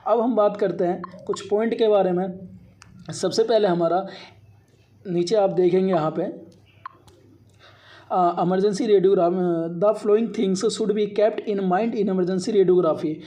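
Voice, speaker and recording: A radiography instructor works through a slide lecture point by point, reading each point out and then explaining it again, so he repeats himself a lot. His voice sits high and sounds warm, with fairly even intonation, a slow pace and long pauses.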